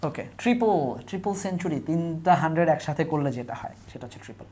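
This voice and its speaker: A woman's voice: deep voice, lively intonation, fast, warm tone. A young woman gives an online class on English word roots. She explains step by step, lists examples and often asks "right?" to check. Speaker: teacher. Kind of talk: online admission-test English lesson. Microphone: camera on a tripod.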